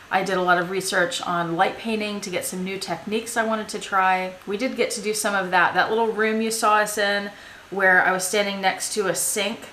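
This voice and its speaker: A woman's voice: medium pitch, a bit bright. A woman giving a casual, matter-of-fact first-person vlog account of an outing. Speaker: vlogger and photographer. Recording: echoey room with faint noise.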